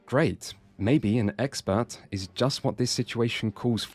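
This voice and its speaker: A man's voice: mid-range voice, unhurried, faint music behind. A man reading scripted video essay narration in a dry, sardonic way.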